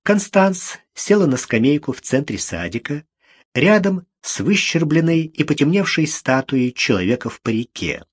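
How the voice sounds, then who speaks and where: A man narrating an audiobook in a measured, even storytelling manner. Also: a little high, slightly rough. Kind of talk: scripted narration.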